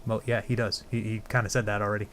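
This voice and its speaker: A man's voice: fairly low pitch, little pitch movement, quick pace, fairly bright tone, slight background noise. A man hosting a gameplay video, making joking, self-mocking asides. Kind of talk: casual gameplay commentary.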